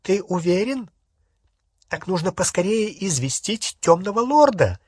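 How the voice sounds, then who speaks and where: A shrieking, imperious dark witch, put on by a male narrator, pitched up high and drawn out slowly. Her lines hiss and snap with a husky grain. An audiobook performance. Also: big pitch swings, no echo, full character voice. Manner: shrieking, hissing. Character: shrill fanatical female dark witch, imperious.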